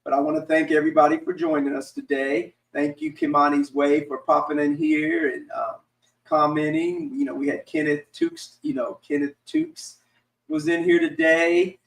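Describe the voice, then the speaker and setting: Hoarse, raspy man hosting in an echoey room. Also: on the high side, fairly even intonation, normal speed. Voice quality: raspy, congested. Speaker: host of a panel discussion. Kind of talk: casual live-stream chat. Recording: roomy echo, distant mic.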